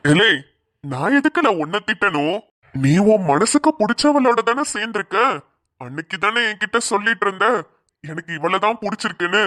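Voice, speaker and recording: A woman voicing an easygoing old grandfather in a cartoon, talking in a gruff, rustic, soothing way. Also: mid-range voice, lively intonation, normal speed, a bit bright, close to an everyday voice. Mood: reassuring. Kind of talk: cartoon voice acting.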